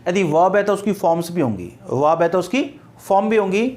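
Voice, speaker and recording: High-pitched male teacher. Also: lively intonation, a little mellow. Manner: explains slowly, repeating words and spelling them out letter by letter. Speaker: English grammar teacher. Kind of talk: classroom-style lecture.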